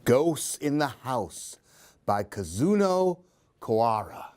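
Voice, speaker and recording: Very animated yet slow-paced, this medium-pitched man has a darkish tone. As storyteller and host of a children's book show, he dramatizes Halloween picture books, stopping for questions and asides to the young audience.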